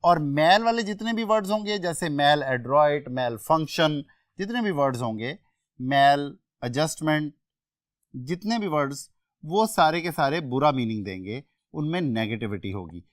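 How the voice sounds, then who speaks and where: Pakistani guy teaching vocab for an exam, calm and explaining, lists words one by one, dry close sound. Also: fairly high pitch, normal speed, no echo. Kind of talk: exam-prep vocabulary lecture.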